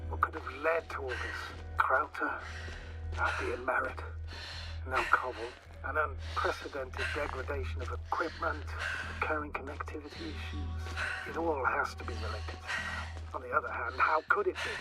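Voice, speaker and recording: An actor voicing a male mission operator in a video game who talks in a measured, instructive way and thinks aloud. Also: mid-range voice, lightly acted, poor audio. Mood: steady. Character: steady male mission operator guiding a teammate. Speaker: remote mission operator on the radio. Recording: game audio with music under.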